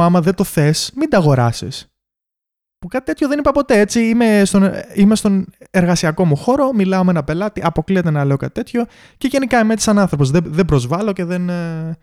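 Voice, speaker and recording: A young man hosts a casual monologue about his work, talking in an animated way. He acts out the customers in his stories, and his voice sits a little high for a man. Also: clear, resonant tone. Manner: animated, mimics customers in quotes. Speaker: podcast host.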